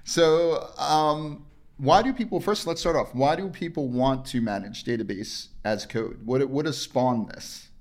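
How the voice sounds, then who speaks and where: A man's voice: medium pitch, a little slow, a little mellow. A man from the New York area hosting a podcast interview in a chatty, friendly way with lots of fillers. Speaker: podcast host. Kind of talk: conversational interview. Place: convention hall.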